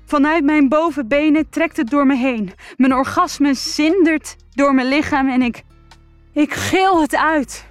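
Slow, sensual woman storyteller. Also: sits high, no echo, faint music behind. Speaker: narrator. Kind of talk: first-person erotic story reading.

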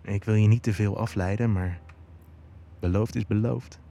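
A man's voice: on the low side, fairly even intonation, moderate pace, creaky, slight background noise. A man voicing a teasing young woman. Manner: teasing, soft-spoken.

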